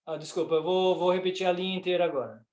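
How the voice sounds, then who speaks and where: A man's voice: high voice, fast talker, darkish tone. A man with a Brazilian Portuguese accent teaching Sanskrit pronunciation, reciting word by word and chanting the verse. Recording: echoey room.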